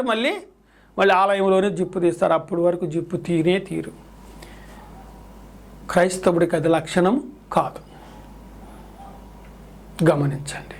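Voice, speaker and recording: Pastor guy preaching, repeats the verses bit by bit, keeps firing questions at the crowd. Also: sits high. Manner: repeats scripture phrase by phrase, then preaches with emphatic rhetorical questions. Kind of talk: sermon.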